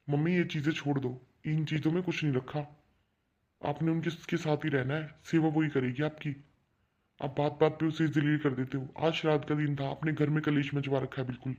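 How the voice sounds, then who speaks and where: A reproachful young son in a family cartoon, voiced by a man with a slightly raised pitch. He scolds his mother and reassures his sister, and the recording sounds dull and lo-fi. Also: a little mellow, close to an everyday voice. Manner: reproachful, advising.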